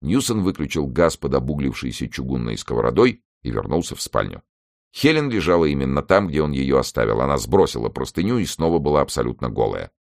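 A male audiobook narrator with a very deep voice that still moves widely in pitch. His reading is measured and expressive. The recording is dry and close, with no room sound. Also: gravelly, dry recording. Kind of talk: scripted narration.

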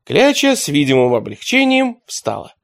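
A man narrates an audiobook with expressive storytelling. His voice moves lively through pitch and sits a touch high. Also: normal speed, vocal fry.

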